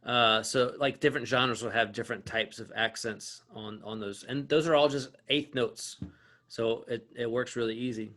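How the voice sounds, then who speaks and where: A man's voice: medium pitch, fairly even intonation, normal speed, sharp tone. A man teaching an online acoustic guitar lesson, explaining with restarts and fillers and counting beats aloud while he plays. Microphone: video call.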